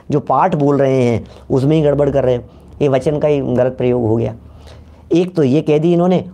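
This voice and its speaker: A man giving a Jain religious discourse in Hindi, questioning his listeners and reciting scripture slowly. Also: a little high, warm tone.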